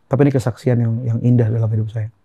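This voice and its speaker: A young Indonesian man telling an emotional personal testimony as a guest, earnest and halting, repeating phrases as he goes. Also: mid-range voice, level tone, dark tone, no echo, dull audio.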